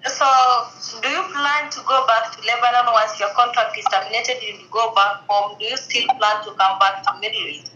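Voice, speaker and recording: A woman asks hesitant, filler-laden questions as an interviewer. Her voice is bright and fairly high. It comes over an echoey phone line. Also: fairly even intonation, normal speed. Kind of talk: casual interview.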